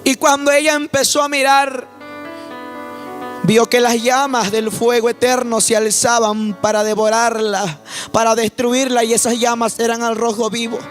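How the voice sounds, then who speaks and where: Fervent male preacher, high-pitched, testimony sermon with faint music underneath. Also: little pitch movement, moderate pace. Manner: swells to shouting, speaks in tongues.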